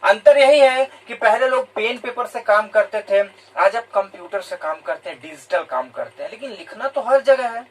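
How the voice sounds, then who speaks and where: A man's voice: high voice, expressive, moderate pace, hardly any pauses, recorded from a distance, poor audio. A man from India, a teacher giving a motivational talk to students, explaining points and repeating key words in two languages. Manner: explanatory, repeats key words in English and Hindi, addresses listeners directly.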